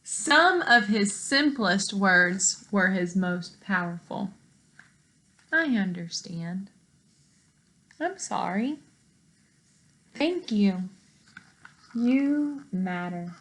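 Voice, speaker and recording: A woman with a medium-pitched voice reads a picture book expressively to children, teacher-style, pausing to explain words and ask them questions. The audio quality is poor.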